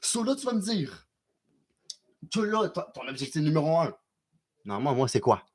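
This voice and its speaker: A man with a Québécois accent chatting casually on a live stream and answering viewers, loose and slangy with lots of quick restarts. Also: on the high side, very animated, slightly rough. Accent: Québécois French.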